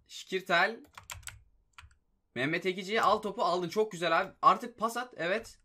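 A young man giving live commentary on his football video game, excitable and prone to frustrated outbursts, with keys clicking behind him. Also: a little high, a little hiss or hum. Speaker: gaming YouTuber.

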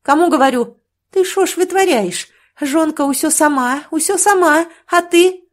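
Loud scolding village woman, southern russian dialect, woman reading her, high and fiery. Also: moderate pace, natural voice. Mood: angry. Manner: sharp, scolding. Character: fiery young village woman, blunt, quick-tempered.

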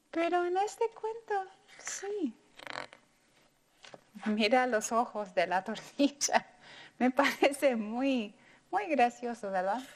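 A woman teacher with a high voice reads a storybook aloud to young children. She speaks slowly and expressively, and stops often to ask the children questions.

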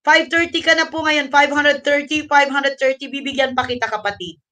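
A woman hosts a casual livestream, out of breath and chatty, thanking viewers and mixing English into her Tagalog. Her voice is high-pitched, pushed and bright, with fairly even intonation at normal speed, recorded from a distance.

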